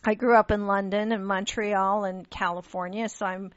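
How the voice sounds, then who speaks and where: A woman from Pakistan hosting a radio interview, telling stories in an animated way with frequent restarts. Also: mid-range voice, moderate pace, no room sound. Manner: animated storytelling with laughs and restarts. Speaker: radio show host. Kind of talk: casual interview chat. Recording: dull lo-fi radio audio.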